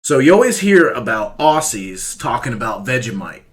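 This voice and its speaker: A man hosting a casual web show, joking crudely and laughing loudly with his guest. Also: mid-range voice, very animated, moderate pace. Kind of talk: casual chat.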